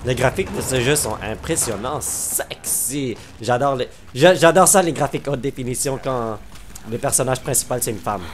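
A gamer commentator with a Québécois French accent gives let's-play commentary against a noisy background. His medium-pitched voice moves at a moderate pace as he exclaims, jokes and hums to himself while playing.

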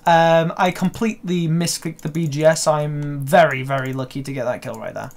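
A young man doing live gameplay commentary, swearing and breaking into excited shouts. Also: fairly high pitch, moderate pace. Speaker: gaming video creator.

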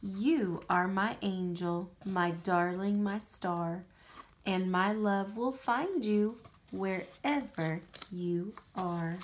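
Reading a picture book to a small child, an American woman with a mid-range voice takes her time and phrases things expressively. There is slight background noise.

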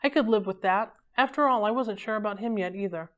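A woman hosting a library read-along, reading a novel aloud in a steady, unhurried way. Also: mid-range voice.

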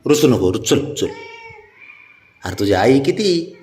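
A man's voice: medium pitch, big pitch swings, slow, a little mellow, reverberant, a little hiss or hum. A man coaxing and teasing his sulking pet cat in a casual home video.

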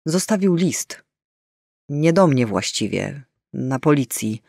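A man's voice: mid-range voice, sing-song, slow pace, creaky, a little mellow, no echo, exaggerated voice. Audiobook role: a jilted middle-aged mother, bitter and snapping, read by a man, close dry mic. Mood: stunned. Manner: bitter, shaken, flaring into anger.

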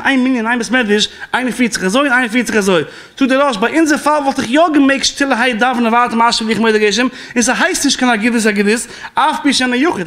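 A man's voice: extremely high pitch, a bit bright. A man giving a rabbinic law class as a spoken lecture, explaining and quoting sources, with an occasional chuckle.

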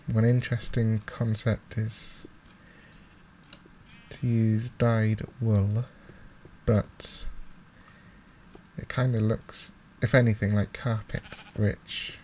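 A man with a fairly low, dark-toned voice hosts a gaming video, thinking out loud in casual, hesitant let's play commentary. Mouse clicks and keyboard noise sit behind him, captured by a close desktop mic set to high gain.

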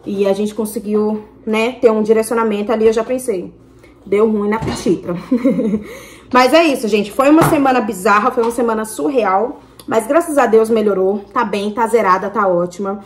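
A woman's voice: fairly high pitch, normal speed, slight background noise. A young woman with a Brazilian accent, chatting to her viewers and telling a story in long, detailed detail. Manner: talkative, tells everything in detail. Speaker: family vlogger. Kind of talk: casual chat to camera.

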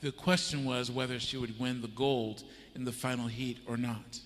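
Holding a microphone in a reverberant church hall, a middle-aged American preacher shares a story and asks the audience questions. His voice is medium-pitched and steady, moving at a normal speed.

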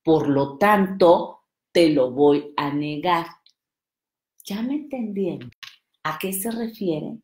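A woman's voice: lowish voice, expressive, takes it slowly, long pauses, a little mellow, echoey room. A woman coach giving a motivational talk to an audience, playful and fond of acting out the people she quotes. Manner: playful, acts out quoted friends. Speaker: NLP coach.

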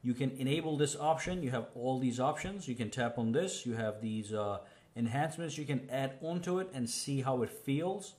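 A man hosts a relaxed phone tutorial in a mid-range voice. He explains each setting step by step, checks in with the viewer and punctuates changes with a quick "boom.". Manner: chatty, explains step by step, often says "okay?" and "boom". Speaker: tech reviewer. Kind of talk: casual phone tutorial walkthrough.

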